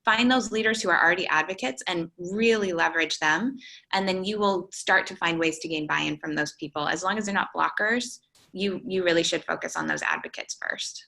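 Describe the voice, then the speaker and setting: Bright, emphatic woman panelist. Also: lowish voice, animated, fairly quick, creaky, low-quality recording. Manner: enthusiastic, emphatic. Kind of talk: webinar panel talk. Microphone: video call.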